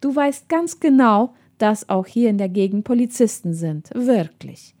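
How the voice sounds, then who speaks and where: A woman voicing a menacing middle-aged male escaped convict who talks slowly with a hissing, sneering manner. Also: mid-range voice, animated, a little mellow, natural voice.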